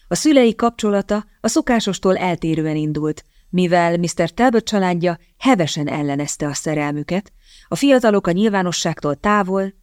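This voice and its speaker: A woman narrating a novel in an even, measured way. Her voice sits lowish for a woman and is recorded close and dry, with no room sound. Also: dry recording. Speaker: audiobook narrator. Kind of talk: scripted narration.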